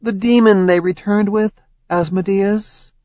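A man's voice: sits high, steady tone, a little slow, darkish tone, no echo, voice pushed up. A man voicing a proud, scheming goddess queen who needles her husband relentlessly, in an audiobook with a slightly dull, dry recording. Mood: taunting. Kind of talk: audiobook character voice.

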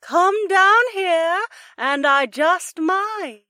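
A man's voice: very high voice, drawn-out words, sharp tone, dry recording, studio quality, pitched above the performer's own voice, heavily acted. A man voicing a flirtatious winged fairy queen who purrs and teases in a regal manner. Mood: teasing. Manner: purring, coy and teasing.

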